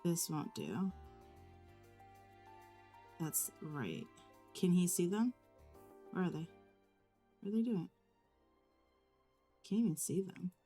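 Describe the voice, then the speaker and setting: Low-voiced woman narrating a game. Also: big pitch swings, slow pace, long pauses, dark tone, faint music behind. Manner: dramatic, exasperated storytelling. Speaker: let's play creator. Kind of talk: game commentary.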